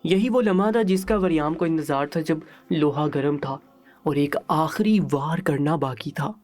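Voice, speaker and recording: A man narrating an emotional story in a dramatic, measured storybook style. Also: a little high, darkish tone, soft background music.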